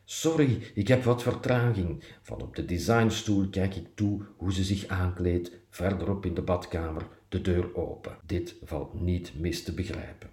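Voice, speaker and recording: Deep-voiced man, dry irony. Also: fairly even intonation, moderate pace, few pauses, warm tone, echoey room. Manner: dry, self-mocking irony. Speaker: columnist reading his column. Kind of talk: reading a personal column aloud.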